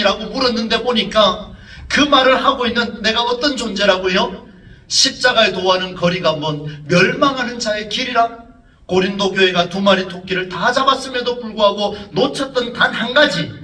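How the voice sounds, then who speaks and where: A man's voice: high-pitched, sharp tone, far from the mic. A man, a pastor, preaching earnestly and dramatically in church, with rhetorical questions to the congregation. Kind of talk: sermon. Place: church sanctuary. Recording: echoey church, voice from off the mic.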